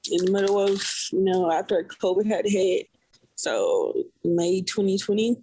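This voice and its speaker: This Bay Area woman, a cloth diaper brand owner from San Francisco, USA, has a warm, mid-range voice with a breathy edge, speaking a little slowly and expressively. The recording is rough but echo-free, and her casual podcast interview rambles with fillers like "you know."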